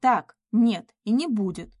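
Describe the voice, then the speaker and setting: A controlling man answers in a calm, curt voice with a metallic edge, read by a woman narrating a novel. His delivery is measured and slow. The sound is close and dry. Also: mid-range voice, no room sound. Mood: cold dismissive. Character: cold, controlling adult man.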